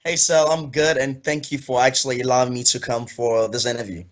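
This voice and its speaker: A man's voice: medium pitch, level tone, a little fast. A young man in his twenties, originally from Ghana, talking as an author guest in a casual interview, earnest and rambling with fillers.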